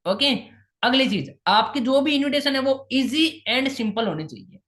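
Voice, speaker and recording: A woman's voice: sits high, lively intonation, moderate pace, a bit bright, echoey room. A woman teaching how to invite people, repeating key points and dropping in English phrases. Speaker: sales trainer. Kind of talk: instructional talk on invitation skills.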